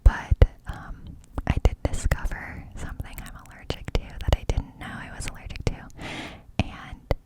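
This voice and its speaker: A woman's voice: moderate pace, rough recording. A woman doing ASMR in an intimate, conspiratorial cupped-hand whisper, as if confiding secrets close to the mic. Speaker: ASMR host.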